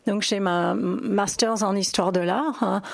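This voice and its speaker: A woman's voice: mid-range voice, a little slow, vocal fry, dry recording. A middle-aged woman from New York with an American accent, speaking French in a radio interview, hesitant with many fillers and restarts. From New York, United States. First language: English. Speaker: painter.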